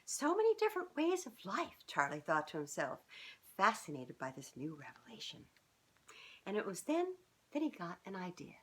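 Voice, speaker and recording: A woman in her fifties, her pitch fairly low and her pace moderate, reads a children's storybook with a bit of background noise behind her. She reads with expression and a casual air, frequently interrupting herself to talk to young listeners. The camera sits a short distance from her on an indoor living room sofa.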